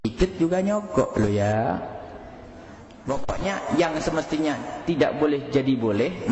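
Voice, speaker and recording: A man's voice: fairly high pitch, a little mellow. A male preacher giving a sermon and answering a question, telling stories animatedly and acting out the voices of the people in them. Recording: roomy hall, dull sound, faint noise.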